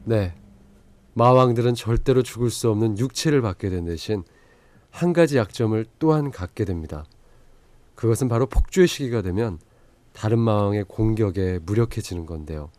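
A man's voice: on the low side, lively intonation, moderate pace, darkish tone, no echo. Dry, close male narrator. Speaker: host narrator. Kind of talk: polite scripted narration.

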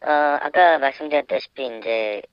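Man with a pitch-shifted disguised voice. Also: expressive, clean tone, no room sound. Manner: hesitant, measured explaining with pauses. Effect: voice disguised with pitch shifting for anonymity. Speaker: university professor, interview guest. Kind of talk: phone interview. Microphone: telephone. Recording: muffled phone line.

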